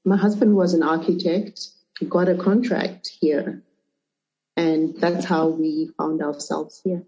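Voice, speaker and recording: A middle-aged woman from Zimbabwe and Zambia, a podcast guest answering questions in a relaxed way with small restarts. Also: low voice, slow pace. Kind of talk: conversational interview answers. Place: remote call. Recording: muffled lo-fi remote audio.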